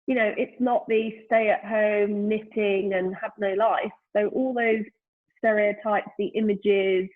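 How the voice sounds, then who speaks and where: On a lockdown-era remote call with a tinny, phone-like sound, a woman in her fifties who founded a brand joins as a guest for a casual, reflective chat. Her medium-pitched voice holds a measured pace and fairly even intonation, and she gropes thoughtfully for words with frequent "you know"s.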